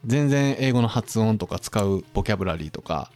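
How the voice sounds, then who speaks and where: Faint music plays behind this podcast host, whose voice is fairly low and fairly quick. In a chatty, lively way he explains topics to his co-host, quizzing them and slipping into playful impressions.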